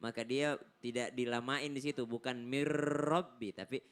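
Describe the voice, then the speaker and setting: A man teaching Quran recitation on TV, drilling letter sounds slowly and correcting them again and again. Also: mid-range voice, fairly even intonation, a bit bright. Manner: pious interjections.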